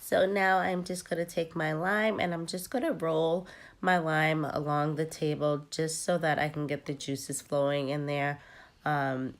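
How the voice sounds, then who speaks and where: A young woman with a cold and a tired voice, casually narrating her cooking with frequent ums. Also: deep voice. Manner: relaxed, chatty with frequent ums. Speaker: cooking vlogger.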